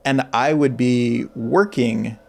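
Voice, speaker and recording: Guy in his 30s, gravelly voice, chatting on a podcast, reflective storyteller who gets animated. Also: mid-range voice, slow. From grew up in Asia and Michigan. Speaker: guest artist. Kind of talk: casual interview.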